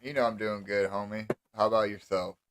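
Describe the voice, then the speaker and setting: A man's voice: on the low side, steady tone, brisk, a bit bright, slight background noise. A young man hosting a casual podcast, laid-back and enthusiastic. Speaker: host.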